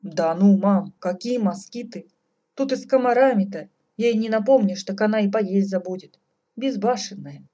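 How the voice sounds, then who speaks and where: Earnest young tsarevich, steady and stubborn, voiced by a woman. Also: mid-range voice, moderate pace, highs cut off, pitched above the performer's own voice, lightly acted.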